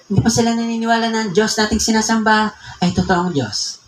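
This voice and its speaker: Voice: medium pitch, steady tone, slight background noise. Emphatic preacher in an echoey church. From Philippines. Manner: emphatic, slows down to read scripture verses aloud. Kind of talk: sermon.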